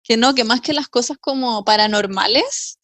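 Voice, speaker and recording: A woman's voice: fairly high pitch, a bit bright, no room sound. A young woman with a Chilean accent, chatting casually with friends and calling herself paranoid in a self-mocking way. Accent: Chilean Spanish. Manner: fast-talking, self-mocking, nervous storyteller. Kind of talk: casual chat among friends.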